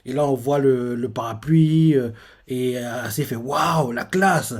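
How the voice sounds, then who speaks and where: Mellow-voiced man rambling through a reaction. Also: medium pitch, a little slow. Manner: rambling, many fillers and restarts, retells panels aloud. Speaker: manga reaction host. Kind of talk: live reaction, casual commentary.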